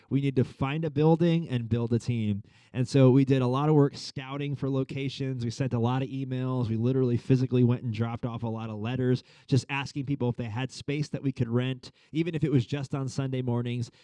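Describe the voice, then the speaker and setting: Pastor, thirties, male, from Long Island, chatty sermon delivery with fillers, warm dark voice, dry room. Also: medium pitch, no room sound. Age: 30s. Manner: conversational, frequent fillers like "like" and "uh". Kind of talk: sermon storytelling.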